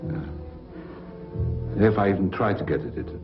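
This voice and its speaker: An actor in a 1940s film drama playing a grim, resigned surgeon who talks in a matter-of-fact, sombre way. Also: male voice, on the low side, very animated, normal speed. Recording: dull 1940s film soundtrack, loud music behind.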